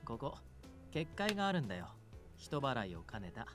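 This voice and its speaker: In Japanese visual novel voice acting, a male actor plays an easygoing, reassuring young cafe regular in a relaxed, casual mood, with game music behind him. His medium-pitched voice is a bit bright, swings widely in pitch, and moves fast.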